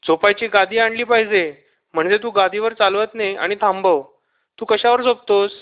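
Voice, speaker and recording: A man reading a storybook aloud, voicing an excitable young boy who shouts to his friend. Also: high-pitched, normal speed, pitched above the performer's own voice, close to an everyday voice. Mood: shouting. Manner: shouting, eager. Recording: dull lo-fi recording.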